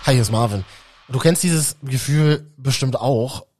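A man's voice: mid-range voice, unhurried, darkish tone, faint music behind. A man hosting a podcast, introducing guests and asking questions in a friendly, conversational way. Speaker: podcast host.

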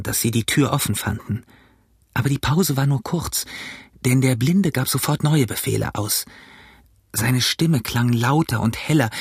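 A man reading an adventure novel aloud in steady, measured audiobook narration. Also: mid-range voice, husky, no echo, studio quality.

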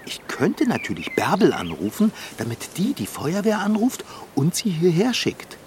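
A man's voice: high voice, huge pitch swings, moderate pace, a little mellow, a little hiss or hum. A man playing a nervous, easily flustered bike tinkerer in a children's radio play. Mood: fretful.

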